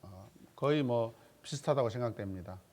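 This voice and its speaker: A man with a mid-range, somewhat dark voice speaks at a moderate pace as the pastor leading a church Bible study seminar. His teaching is interactive: he poses questions to the group and repeats their answers back to them.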